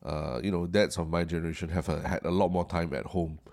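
A man's voice: deep voice, steady tone, fairly quick, darkish tone. A man with a Singaporean accent who co-hosts a casual discussion in Singlish, speaking carefully and often repeating words as he works out his point. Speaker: podcast co-host.

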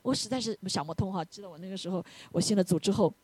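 A woman preaching a sermon, asking her listeners "right?" again and again and dropping to a soft near-whisper for emphasis. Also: mid-range voice, rapid-fire, husky, no room sound. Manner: animated, keeps asking the congregation "right?".

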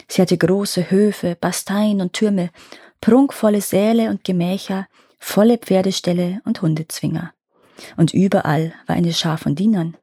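A woman reading a fairy tale aloud in calm, measured narration. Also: fairly low pitch, slightly rough, dry recording, clean studio sound. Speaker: storyteller.

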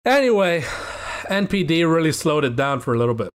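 A man's voice: on the high side, a little fast, smooth. A man co-hosting a casual video game podcast, reading news items and joking around with his co-host. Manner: joking, animated, reads news bullet points. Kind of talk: casual gaming podcast chat.

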